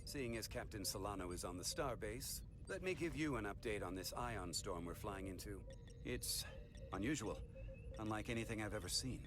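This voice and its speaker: A man's voice: on the low side, lively intonation, moderate pace, lightly acted. A man playing a serious, analytical starship science officer in a video game, speaking in a precise, explanatory way. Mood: measured, grave. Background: music.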